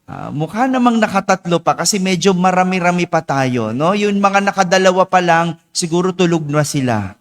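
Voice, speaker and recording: High-voiced priest joking with his flock. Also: animated. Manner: chatty, teasing the congregation with quick asides. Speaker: parish priest. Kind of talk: homily at morning mass. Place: church. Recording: long church reverb.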